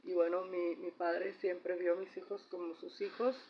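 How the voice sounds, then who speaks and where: Here a middle-aged vlogger with a Mexican accent shares personal reflections through a family story, speaking at a moderate pace in a low, level tone. She's chatty and habitually adds a questioning "¿no?" to her phrases; the audio is a bit dull with faint noise.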